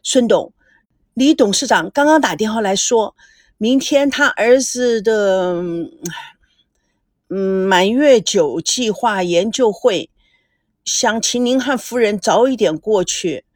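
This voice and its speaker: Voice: mid-range voice, takes it slowly, no echo, studio quality. A woman doing a timid stammering secretary. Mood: polite.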